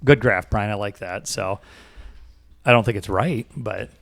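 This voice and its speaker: A man's voice: fairly low pitch, a little slow, creaky, fairly bright tone, dry recording. Male podcast co-host, casual and rambling, repeats himself mid-thought; dry, close recording. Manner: rambling, repeats words as he thinks aloud.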